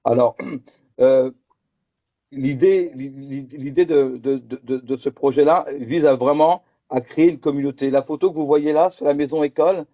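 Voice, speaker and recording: This conference presenter, a middle-aged Frenchman from Picardy, talks through his slides at a normal speed in a mid-range voice. His delivery is hesitant with repeated words. There's no room sound, and the audio is lo-fi.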